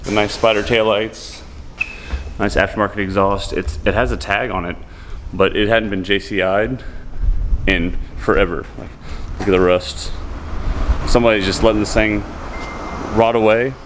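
Speaking at a moderate pace with long pauses, this thirties-aged car vlogger has a fairly low, steady, fairly bright voice as he gives his viewers casual, excited commentary. He's filming outdoors near roadside car lots and shops. A handheld camera mic picks up his voice along with street noise.

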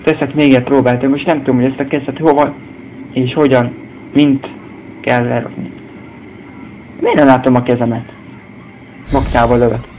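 A man's voice: medium pitch, fairly even intonation, long pauses, darkish tone, a little hiss or hum, low-quality recording. Jumpy, cursing young man playing horror. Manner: swearing, jumpy outbursts. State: slightly hoarse. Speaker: gameplay video host. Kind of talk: horror game commentary.

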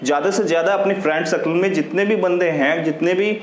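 A male maths teacher with a Hindi accent speaks fast in a high voice during a classroom lesson. He explains step by step, asking his own questions and answering them. The room is echoey, with faint hiss and noise.

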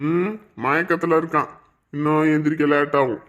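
A man playing a stubborn father who defends his choices in a calm, dismissive way. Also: fairly high pitch, moderate pace, lightly acted.

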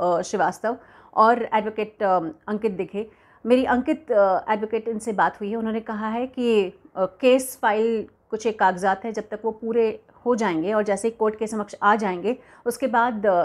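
With a medium-pitched voice, a woman in her forties delivers entertainment news commentary to camera from home. She comes across as earnest and measured, pausing to hesitate frequently.

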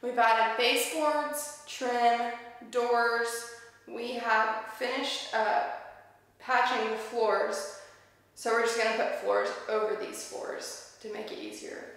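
A woman's voice: on the high side, fairly even intonation, slow, fairly bright tone. A woman in her twenties giving an upbeat, chatty tour of her house renovation on a handheld camera. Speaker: vlogger. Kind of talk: casual home-renovation vlog. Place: empty rooms in a house under renovation. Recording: echoey bare rooms, faint noise.

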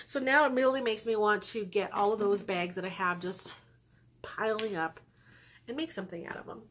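With a fairly bright, medium-pitched voice at normal speed, a forties-aged knitting podcast host talks to camera at home about her knitting, her nose stuffy. She rambles casually, dropping lots of ums and little laughs, in a small room with slight background noise.

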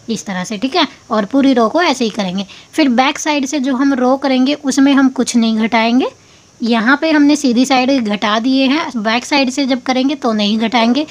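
A woman hosting a crochet tutorial, explaining each step patiently and counting stitches aloud. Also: fairly high pitch.

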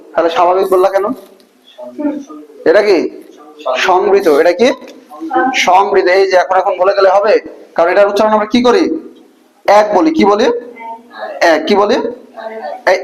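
A Bangladeshi man teaches a lesson in a fairly high voice. He drills the class, firing short questions and answering them himself over and over. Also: brisk, pauses often, poor audio. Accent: Bangladeshi Bengali.

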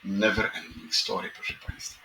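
A man's voice: moderate pace, bright, forceful tone. A man hosting a livestream, rambling through headlines with wry asides and constant audience address. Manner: meandering, repeats "proszę państwa", wry asides. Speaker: livestream host reading news headlines. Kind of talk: rambling live commentary on headlines. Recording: echoey room, mic at a distance, audible noise.

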